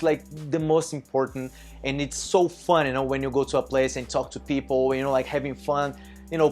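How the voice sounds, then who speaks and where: A man's voice: mid-range voice, a little mellow. A non-native English-speaking man with a Russian accent gives casual, chatty advice, peppered with filler phrases and acted-out bits of dialogue. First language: not English, learned it as a second language. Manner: chatty, frequent "you know", acts out little dialogues. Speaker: language-learning content creator. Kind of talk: casual advice talk to camera.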